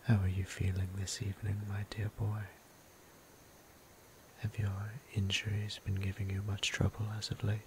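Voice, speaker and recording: In this soft-spoken, whispered ASMR piece, a man lightly acts out a tender vampire priest caring for a patient, his low-key voice breathy and monotone. He uses unhurried, old-fashioned, formal wording with a courtly warmth, against audible background ambience and noise.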